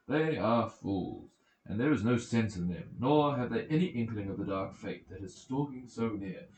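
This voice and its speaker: Voicing a goddess who poses as a wise old male mentor, a man reads a dramatic audiobook scene in a darkish, mid-range voice pushed up and lightly acted. He's emphatic and commanding yet reassuring and encouraging. The home recording is roomy and echoey.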